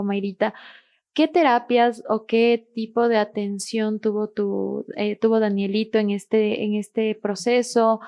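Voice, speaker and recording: A woman hosting an interview, listening with soft backchannels and sharing reflective thoughts. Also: on the high side. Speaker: host. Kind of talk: interview talk.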